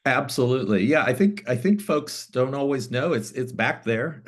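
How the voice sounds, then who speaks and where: A man's voice: mid-range voice, lively intonation, moderate pace, husky. A middle-aged man from Florida, born in Cuba, speaking as a guest director in a community talk, explaining at length with frequent fillers. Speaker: interim museum director, guest.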